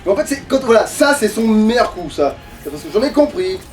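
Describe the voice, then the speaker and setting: Here a let's play streamer complains and swears through the game in a fairly quick, slightly mellow medium-pitched voice with big pitch swings. The recording comes from a distant mic, with video game music underneath.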